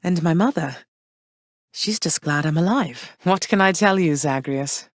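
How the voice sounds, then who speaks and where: This game character is a gentle, regal queen and a caring mother, speaking warmly with measured calm in a slightly low voice. Her mood is soft and affectionate. The studio recording is dry and close, with no echo.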